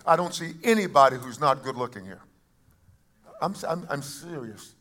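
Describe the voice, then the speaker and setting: A man preaching a sermon to a congregation, shifting between quiet asides and loud emphatic calls and often restarting his phrases. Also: medium pitch, lively intonation, moderate pace. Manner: repeats words and restarts phrases. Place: church service before a congregation.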